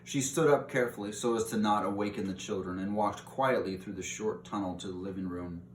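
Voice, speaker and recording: A man hosts an informal read-aloud of a children's novel, at times stumbling and going back to reread a phrase. His lowish voice is steady and fairly quick, captured on a distant mic with roomy echo and faint noise.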